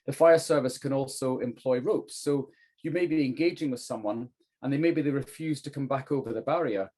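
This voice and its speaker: A man's voice: medium pitch, brisk, dark tone. A middle-aged man explaining things as a trainer, in an informal lecture style with emphatic rhetorical questions. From UK, northeast England. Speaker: trainer, former police officer.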